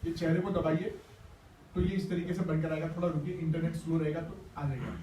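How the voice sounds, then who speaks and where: High-voiced male teacher, encouraging, distant mic in a roomy hall. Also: fairly even intonation, a little fast, warm tone. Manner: encouraging and playful, coaxing pupils. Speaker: teacher running a school workshop. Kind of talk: classroom teaching to students. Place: school classroom. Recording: echoey room, distant mic, noisy class.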